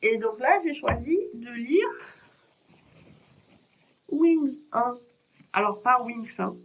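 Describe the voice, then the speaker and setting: A woman's voice: fairly high pitch, animated, measured pace. Woman, casual rambling book chat, muffled home recording with light hiss. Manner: chatty and rambling, many fillers. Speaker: book vlogger. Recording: dull lo-fi sound with faint hiss.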